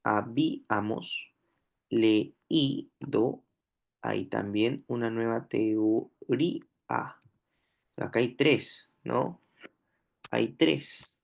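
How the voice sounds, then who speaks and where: A man with a Peruvian Spanish accent teaching a grammar lesson, slow and deliberate, repeating each example word aloud. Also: medium pitch, creaky. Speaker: language teacher.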